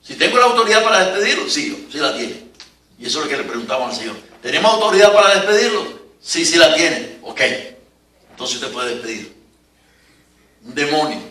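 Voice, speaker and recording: Older male preacher, high and lively, animated sermon, distant mic in a roomy church. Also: fairly quick. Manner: animated, rising to emphatic peaks, chuckling asides.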